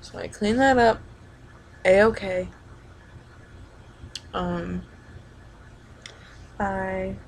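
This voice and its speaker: A young adult woman with a creaky voice rambles informally in a casual video diary, often halting and backtracking. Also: medium pitch, a bit bright, a little hiss or hum, rough recording. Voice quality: creaky vocal fry. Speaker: vlogger.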